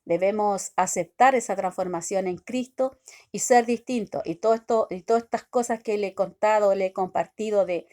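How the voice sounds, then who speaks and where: A woman giving a devotional sermon, talking haltingly with many restarts and constant questions tagged to her listeners. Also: medium pitch, mellow. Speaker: preacher.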